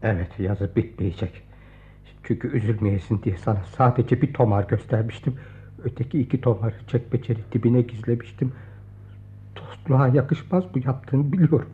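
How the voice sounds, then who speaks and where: A man's voice: medium pitch, moderate pace, close to an everyday voice. A man playing stammering, timid Vasya. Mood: despairing. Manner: stammering, pleading. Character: anxious young male clerk, timid and guilt-ridden. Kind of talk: radio play acting. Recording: thin phone-like old radio recording.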